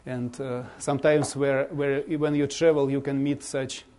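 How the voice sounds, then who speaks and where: A man with a Russian accent presents slides informally to an audience in halting non-native English. His voice is dark and mellow at a medium pitch, and he often searches for the right word. There is faint noise behind him. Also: flat delivery. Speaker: bishop giving a guest presentation.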